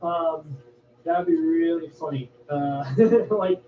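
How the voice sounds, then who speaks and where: A man's voice: fairly high pitch, slow pace, mellow. A man rambling casually to his livestream viewers as the host. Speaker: video creator hosting a livestream. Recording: roomy, distant, dull audio with faint noise. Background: faint noise and ambience.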